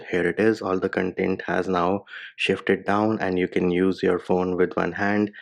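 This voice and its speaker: A tech reviewer whose first language is Hindi narrates a step-by-step phone tutorial voice-over, dropping in casual slang. His voice sits low and has a creaky quality.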